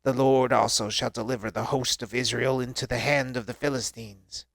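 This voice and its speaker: A man voicing an undead old male prophet, slow and solemn, with a strained throaty growl. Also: mid-range voice, fairly even intonation, creaky, a bit bright, no echo. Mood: ominous.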